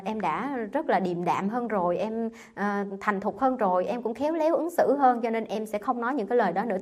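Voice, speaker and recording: A woman's voice: medium pitch, a little mellow. A woman, a Buddhist nun giving a conversational dharma talk and quizzing her listeners with rhetorical questions. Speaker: Buddhist nun teaching sutra class. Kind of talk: dharma talk to a live audience.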